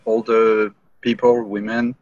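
A low-pitched man's voice on dull, lo-fi audio. He co-hosts a podcast interview and asks his questions haltingly, with lots of ums and restarts. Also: level tone, darkish tone. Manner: halting, many fillers and restarts. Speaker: podcast co-host. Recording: lo-fi muffled sound.

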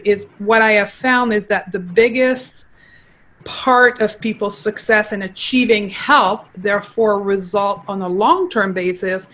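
Heard over poor audio, this woman's mid-range voice has a fairly bright tone. She's a nutritionist from Quebec, Canada, a native French speaker with a Quebec accent, chatting as a guest in an interview and earnestly explaining with frequent restarts.

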